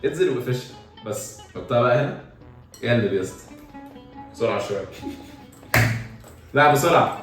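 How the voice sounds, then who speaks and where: A young man with an Egyptian Arabic accent hosting a casual challenge video, talking loudly and half-shouting his instructions. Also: mid-range voice, moderate pace, long pauses. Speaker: YouTuber host. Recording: echoey room, far from mic, music behind.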